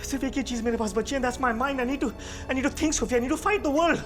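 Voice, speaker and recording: A man's voice: extremely high pitch, moderate pace, soft background music. A paralysed former magician in a film drama. He is bitter and sarcastic. His talk swings between angry orders and pleading. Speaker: radio jockey.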